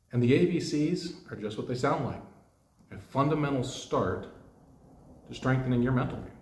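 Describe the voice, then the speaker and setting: A man coaching players through a mental exercise, calm and direct, asking many questions. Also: mid-range voice, roomy sound. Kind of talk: guided coaching lesson.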